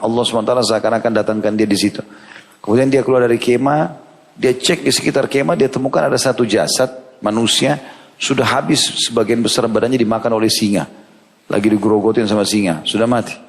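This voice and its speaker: Male preacher, mid pitch, storytelling sermon with acted-out dialogue; long hall reverb. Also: vocal fry. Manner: retells stories with lively quoted dialogue, shifting pitch for each character. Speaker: Islamic preacher.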